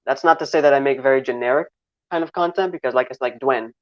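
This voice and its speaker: A man's voice: medium pitch, quick pace, dry recording. Twenties guy, New York accent, easygoing interview guest who rambles, dry and slightly dull sound. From Trinidad. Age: 20s. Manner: rambling, many fillers and restarts. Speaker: guest filmmaker. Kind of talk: casual interview answers.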